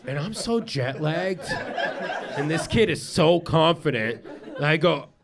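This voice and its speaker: Man, stand-up comic, high lively voice, live show, crowd laughing. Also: unhurried, gravelly. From Egypt. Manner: animated storytelling with laughter breaks. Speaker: stand-up comedian. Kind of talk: stand-up comedy set. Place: live comedy stage before an audience. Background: audience laughter.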